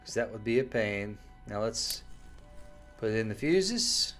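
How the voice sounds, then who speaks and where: A man casually commenting on a horror game while he plays, relaxed and musing. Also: lowish voice, slow, faint music behind. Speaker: gameplay commentator. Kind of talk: casual let's play commentary.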